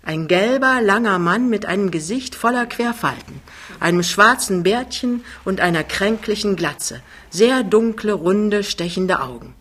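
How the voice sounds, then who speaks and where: An audiobook reader narrating a novel in a measured, descriptive way. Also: medium pitch, expressive, fairly bright tone. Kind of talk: scripted narration.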